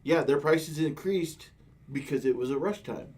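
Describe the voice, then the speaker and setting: A man's voice: on the high side, moderate pace, darkish tone. A man co-hosting a podcast, casually bantering with sarcastic, blunt remarks and frequent swearing. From United States. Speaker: podcast co-host.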